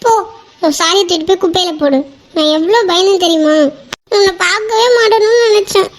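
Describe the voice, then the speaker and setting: A woman's voice: very high voice, a little fast, slight background noise. A woman voicing a frightened kidnapped young woman in a cartoon, pleading and scolding. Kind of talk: cartoon voice acting.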